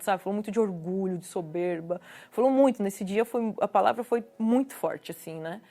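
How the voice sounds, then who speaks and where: A woman from Brazil, speaking at normal speed in a mellow, mid-range voice, earnestly gives her personal testimony as a guest. Her accent is Brazilian Portuguese, and she repeats words to emphasize them.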